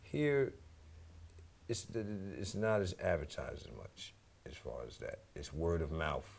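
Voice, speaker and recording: A DJ and music teacher from New York City guests on a radio show, chatting casually in a New York accent and rambling with slang and plenty of "you know" and "man." His voice is deep, creaky, husky, and darkish, very animated though a little slow.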